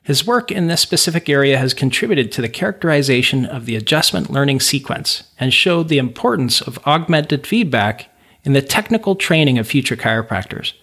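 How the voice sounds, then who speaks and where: A man hosting a podcast, reading a formal introduction and then asking the guest questions with warm encouragement. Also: mid-range voice, lively intonation, a little fast, husky. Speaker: podcast host. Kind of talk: scripted introduction and interview questions.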